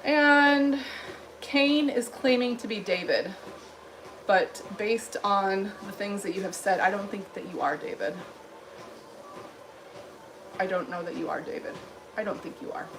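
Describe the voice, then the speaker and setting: Woman livestream host, blunt and dry, walking on a treadmill, steady background noise. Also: mid-range voice, measured pace, pauses often, poor audio. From Illinois. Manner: blunt, dry and dismissive toward chat. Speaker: livestream host reading chat. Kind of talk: casual livestream chat.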